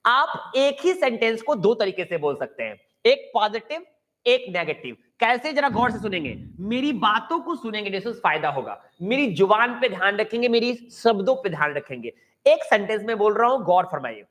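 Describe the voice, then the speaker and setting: A man's voice: high-pitched, sing-song, normal speed, fairly bright tone. Man teaching grammar, coaxing and repetitive. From India. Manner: encouraging, repeats key words and has the class repeat them. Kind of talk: classroom grammar lecture mixing Hindi and English.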